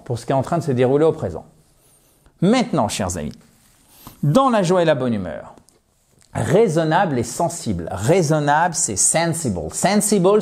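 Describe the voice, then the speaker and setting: A man teaching English vocabulary in a lesson, lively and enthusiastic, repeating words slowly for pronunciation. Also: mid-range voice. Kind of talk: language lesson.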